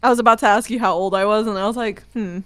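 Rambling, animated woman in casual chat. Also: mid-range voice, very fast, soft background music. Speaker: friend co-hosting the stream.

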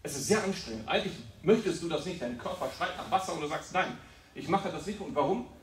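Guy preaching, kinda high voice, lots of rhetorical questions, echoey room, mic a bit far off. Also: fast. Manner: emphatic, rhetorical questions, explains Arabic words. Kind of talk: sermon.

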